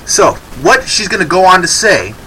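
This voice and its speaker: A man rants in a heated, sarcastic way as he reacts to a clip. His voice sits high and swings up and down a lot, with a bright, tense edge. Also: sing-song, normal speed, distant mic, slight background noise, rough recording. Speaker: video commentator.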